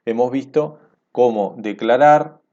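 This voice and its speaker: A man's voice: mid-range voice, takes it slowly, dark tone. Man explaining code, dull lo-fi sound. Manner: explanatory, checks in with "¿sí?". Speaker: programming teacher. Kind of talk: screencast coding lesson.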